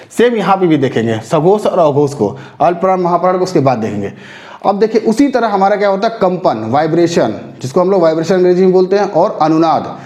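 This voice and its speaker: A man's voice: fairly high pitch, warm tone, roomy sound, muffled recording. A man teaching a Hindi grammar lesson for exam preparation, explaining step by step and answering his own rhetorical questions. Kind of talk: classroom-style lesson for exam prep.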